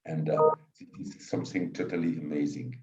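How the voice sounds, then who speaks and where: A middle-aged man from Switzerland answers interview questions in a very low, mellow voice. He talks haltingly, restarting phrases and filling gaps with "uh". He sounds far from the mic in a roomy space, with a dull, muffled tone. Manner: halting, repeats words, many fillers. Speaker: company executive guest. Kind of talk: conversational interview. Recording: distant, roomy, dull remote audio.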